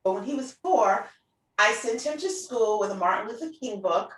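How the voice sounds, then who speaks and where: Recorded distantly in an echoey room, a middle-aged woman hosts a relaxed conversation, recounting stories and acting out people's lines; she works as a preschool teacher too. Her voice is on the high side and expressive, at a moderate pace.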